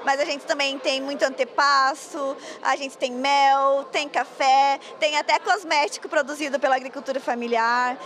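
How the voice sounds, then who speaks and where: Interviewed live for the news at a busy indoor food fair, a woman who coordinates agro-industry explains her work fluently into a handheld reporter mic, with slight background noise. Her voice is high-pitched and fairly bright, with fairly even intonation and a moderate pace, few pauses and the occasional stumble.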